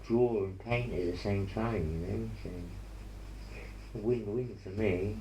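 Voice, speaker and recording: A man hosting a painting ASMR video, mumbling and rambling softly while he paints, speaking into an earpiece mic. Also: lowish voice, takes it slowly, a little hiss or hum. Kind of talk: soft-spoken casual chat while painting. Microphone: earpiece headset mic. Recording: roomy with faint ambience.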